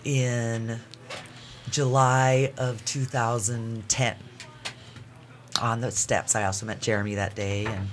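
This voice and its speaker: A man tells personal stories as a talk guest. He is earnest and halting, at an ordinary pitch, with faint noise behind him. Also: level tone. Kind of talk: personal storytelling in casual talk.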